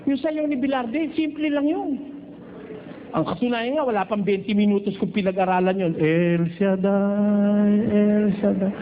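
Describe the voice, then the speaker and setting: A man from the Philippines preaching at a Bible study in a teasing, joking way, at times slipping into slow chanted singing. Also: very high voice. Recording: dull lo-fi recording with faint noise.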